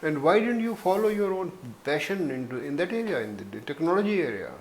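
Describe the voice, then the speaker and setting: A man's voice: a little high, very animated, slight background noise. Older man grilling a candidate, rambling. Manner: probing, rambling, halting questions. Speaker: interview panelist. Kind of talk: mock interview questioning.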